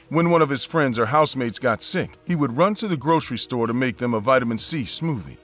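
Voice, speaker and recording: A man giving a steady, scripted narration of a true-crime story. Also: mid-range voice. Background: faint background music.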